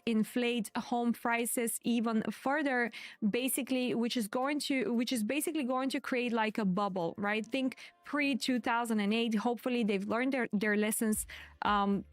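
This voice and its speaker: A woman with a quiet but clear voice hosting live market commentary, explaining casually and often correcting and repeating herself as she goes. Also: on the high side, no echo. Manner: hesitant, self-correcting, repeats phrases. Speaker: trading stream host.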